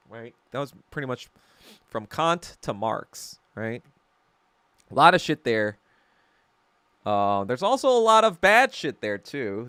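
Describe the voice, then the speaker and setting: A male podcast host talking off the cuff in a rambling, profane, opinionated monologue. His pitch bounces around with animated swings, and the voice is close and dry. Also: clean tone, dry recording. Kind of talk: casual livestream monologue.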